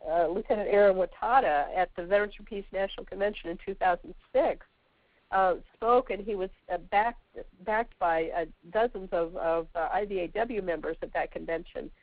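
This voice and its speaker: Female call guest, scratchy sore-throat voice, halting and searching for words, dry tinny phone audio. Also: mid-range voice, no room sound. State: sore throat, sneezing and sniffly with a cold. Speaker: guest speaker, veterans' organization representative. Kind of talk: answering questions on a conference call. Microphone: telephone. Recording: tinny, narrowband phone line.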